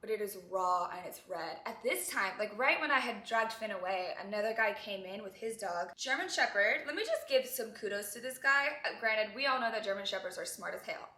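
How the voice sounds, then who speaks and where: A young woman vlogger telling an emotional story, tearful and animated as she talks. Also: medium pitch, brisk, few pauses, roomy sound.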